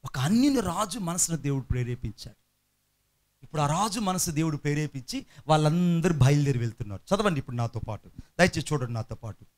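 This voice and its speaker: A pastor preaches in a high-pitched man's voice. He urges his listeners to say lines after him and stretches out each phrase of scripture for weight. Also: lively intonation. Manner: exhorting, calls the congregation to repeat after him; drawn-out emphatic phrasing when reading scripture. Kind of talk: sermon.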